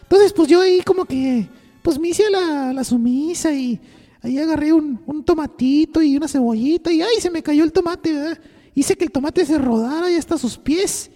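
A high-pitched woman with a Mexican accent spins a crude comic story on the radio, swearing freely and rambling along. Her voice rings out in a reverberant studio. Faint music plays underneath. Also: normal speed, dark tone. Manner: crude, profane, rambling, full of slang. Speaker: on-air storyteller.

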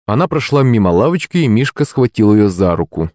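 A man reading a fantasy audiobook as a steady, even first-person narration. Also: fairly low pitch, fairly quick, no room sound, clean studio sound.

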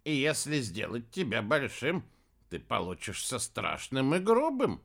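A man voicing a mild, absent-minded old granny witch who speaks slowly. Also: medium pitch, huge pitch swings, creaky, fairly bright tone, full character voice. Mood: mild, puzzled. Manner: slow, puzzled and mild.

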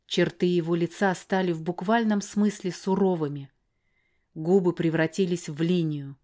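Low-voiced woman reading a novel. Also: steady tone, moderate pace, dark tone. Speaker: audiobook narrator. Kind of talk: first-person audiobook narration.

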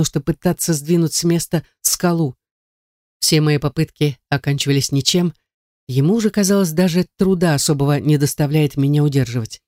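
Steady audiobook narrator, dry sound. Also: mid-range voice, no room sound. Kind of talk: first-person novel narration.

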